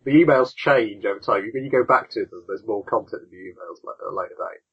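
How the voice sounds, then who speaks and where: A man's voice: fairly low pitch, quick pace, fairly bright tone, slightly rough. Male podcast host, casual rambling chat, tinny lo-fi sound through a call mic. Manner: chatty, rambling while clicking through links. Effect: tinny, lo-fi wrong-microphone sound. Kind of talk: casual chat reading news. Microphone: online call.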